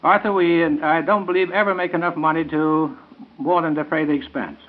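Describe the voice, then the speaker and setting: Recorded in a radio studio with the tinny, narrow sound of a 1930s broadcast, an American event announcer reads scripted announcements in that era's style. His voice is fairly high, his intonation fairly even, and his pace moderate.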